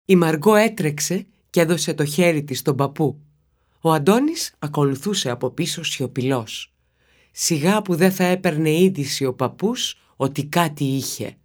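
A woman narrating a children's story in a steady, expressive reading voice. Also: deep voice.

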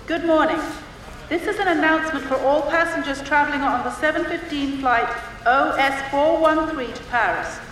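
A woman playing an airport announcer, giving formal, carefully enunciated scripted announcements to passengers in a measured manner. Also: sits high, fairly bright tone. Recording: echoing public-address sound, distant, faint noise.

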